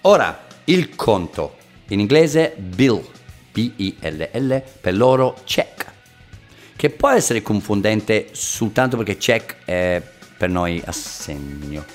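A man's voice: lowish voice, sing-song, slow pace. A man hosting a casual podcast lesson, playful and jokey, slipping between languages. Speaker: podcast host, English teacher. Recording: faint guitar music behind.

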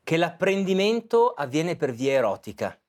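A man's voice: on the high side, very animated, normal speed, a little mellow. A man interviewing a guest, asking questions and affirming with short interjections. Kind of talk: conversational interview.

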